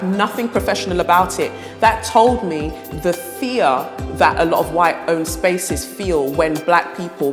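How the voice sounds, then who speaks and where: A woman, telling personal stories in a documentary interview. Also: on the low side. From moved to Britain at age five. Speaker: dance fitness instructor. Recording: echoey reverberant room, music behind. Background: music.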